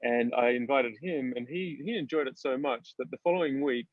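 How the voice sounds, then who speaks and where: A man's voice: mid-range voice, moderate pace, no echo, phone-quality sound. A man telling a long story as a podcast guest over a video call, his level dipping and cutting out as his mic fails, rambling with many fillers and restarts. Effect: uneven volume from a mic cutting out. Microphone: video call, weak connection.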